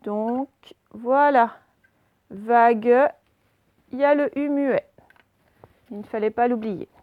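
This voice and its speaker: A primary school teacher, a woman, dictates spelling to young pupils, slowly and carefully sounding out letters and syllables. Her voice is a little high, the audio narrow and tinny with no room sound.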